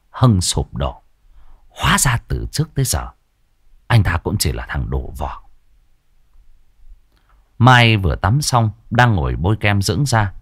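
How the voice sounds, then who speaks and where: Male narrator, lower voice, lively dramatic story reading, dry recording. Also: breathy edge, no echo. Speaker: audiobook narrator.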